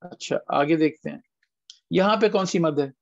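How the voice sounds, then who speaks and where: High gravelly-voiced male tajweed teacher, patient, dull lo-fi call sound. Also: no echo. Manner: patient, asks students questions, drawn-out model words. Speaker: Quran recitation teacher. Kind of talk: online tajweed class. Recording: dull lo-fi online call audio.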